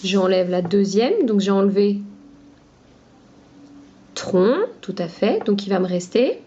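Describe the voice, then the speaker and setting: A woman teaching a phonics lesson to young children, talking slowly and patiently in a sing-song voice. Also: mid-range voice, animated, warm tone, muffled recording, a little hiss or hum.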